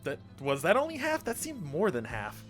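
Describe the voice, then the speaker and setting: A tabletop game player talking in a quick, anxious, excitable way. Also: mid-range voice, faint music behind. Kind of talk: casual tabletop chat.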